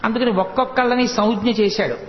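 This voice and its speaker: A man's voice: high-pitched, steady tone, brisk, a little hiss or hum. A man giving a devotional discourse, retelling stories and acting out the characters' dialogue, with chanted Sanskrit verses. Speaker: pravachanam speaker. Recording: echoey hall, dull lo-fi sound.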